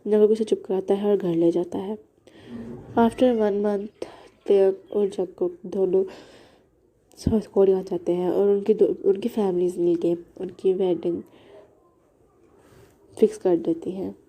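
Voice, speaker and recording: A woman's voice: mid-range voice, flat delivery, mellow, slightly rough. A woman casually narrating a romance fan story, often stopping to correct herself. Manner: halting, corrects herself mid-sentence.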